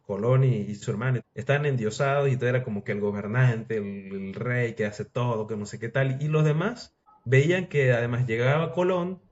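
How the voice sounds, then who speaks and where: A man's voice: medium pitch, moderate pace, darkish tone. Chatty man telling history. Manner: loose, chatty, acts out quotes. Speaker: history storyteller. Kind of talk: casual history retelling. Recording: dull lo-fi sound.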